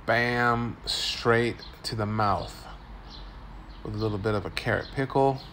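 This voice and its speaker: A man's voice: on the low side, a little slow, fairly bright tone, slight background noise. A man in his forties doing upbeat tour-guide commentary as a food vlogger, filming on a phone at an outdoor street food stall. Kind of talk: casual walk-and-talk food narration.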